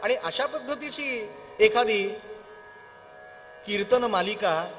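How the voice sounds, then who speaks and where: Bright high-voiced man telling devotional stories. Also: takes it slowly. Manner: animated storytelling with acted character voices; chants scripture verses. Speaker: kirtan performer. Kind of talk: devotional storytelling sermon. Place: large auditorium. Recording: long hall reverb with faint instrumental music.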